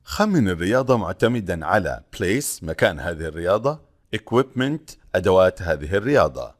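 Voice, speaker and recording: A male teacher reading English textbook lines slowly and explaining each one in Arabic, with frequent hesitant pauses. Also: low voice, very animated.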